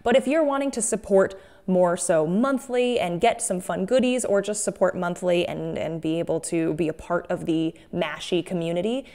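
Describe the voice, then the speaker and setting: A woman's voice: lowish voice, normal speed, darkish tone. Playful, chatty woman vlogger. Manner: playful, jokey, self-mocking. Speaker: host of an art-making video series. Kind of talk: casual chatty craft vlog.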